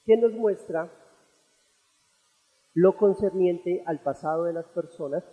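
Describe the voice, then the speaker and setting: A Colombian man preaching as pastor, teaching earnestly and rising to loud, fervent passages. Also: high voice, slow pace. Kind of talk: sermon. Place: church auditorium. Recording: echoey church hall.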